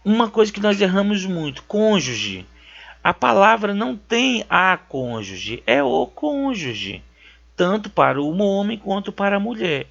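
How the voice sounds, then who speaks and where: A Brazilian man teaches an exam grammar lesson in a high-pitched, sing-song voice that's gravelly and a bit bright, at normal speed. He speaks emphatically with a Brazilian Portuguese accent, repeating key words and checking in with "certo?", on a dull lo-fi recording.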